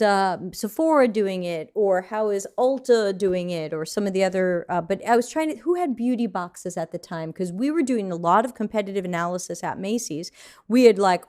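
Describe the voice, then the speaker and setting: A woman's voice: medium pitch, darkish tone. An American woman teaching a live online design lesson in a chatty, conversational way, answering viewer questions as she goes. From United States.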